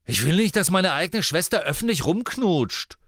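A man voicing a hot-tempered teenage wizard boy who shouts angrily at his sister in an audiobook reading. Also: sits high, sing-song, moderate pace, dry recording, clean studio sound, pitched above the performer's own voice, heavily acted. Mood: angry. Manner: angry shouting, blustering.

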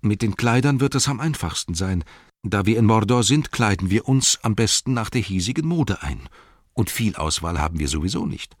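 A man's voice: on the low side, sing-song, moderate pace, dry recording, studio quality, voice pushed up. A man voicing a loyal, earnest male hobbit servant in an audiobook, protective and determined. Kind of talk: audiobook character voice.

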